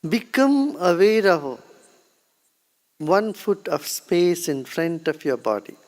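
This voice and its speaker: Speaking at a medium pitch with an Indian accent, a meditation teacher leads a session. The guidance is gentle, calm, and unhurried, punctuated by long pauses.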